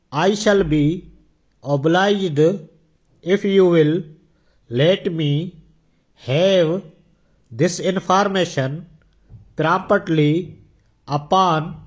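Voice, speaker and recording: A man reading slow school dictation as a shorthand instructor, measured and deliberate, pausing after every few words and speaking the punctuation aloud. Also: on the high side. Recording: dull lo-fi recording.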